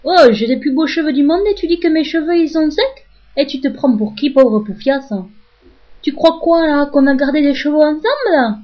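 A woman's voice: high-pitched, moderate pace, pitched above the performer's own voice, close to an everyday voice. A woman voicing her own furious inner self as a brash, insulting woman with a Marseille accent. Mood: furious rant. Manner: loud, ranting, mocking. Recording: dull lo-fi audio.

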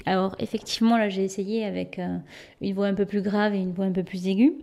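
A woman casually explaining a song she sings, hesitant with many fillers, rushing ahead in quick bursts and then trailing off quietly. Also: mid-range voice, flat delivery, creaky. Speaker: singer explaining her own song.

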